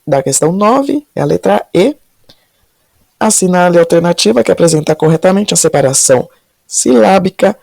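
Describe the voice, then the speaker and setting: Woman language teacher with a gravelly voice, patient question-and-answer explainer, dry close-miked room. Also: fairly low pitch, a little mellow, no room sound. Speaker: Portuguese teacher. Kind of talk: solving exam questions step by step.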